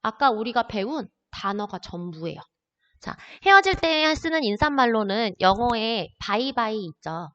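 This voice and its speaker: A woman's sharp-toned, slightly high voice rises and falls dramatically as she teaches a beginner language class at normal speed. She explains the words patiently and in sequence, and the recording is dull lo-fi with long reverb.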